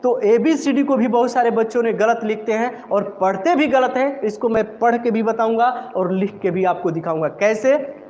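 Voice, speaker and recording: A man teaching a live online spoken-English class, drilling letters and words slowly and carefully in front of a board. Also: very high-pitched, darkish tone, lo-fi sound. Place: room with a board. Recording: long reverb, faint room noise.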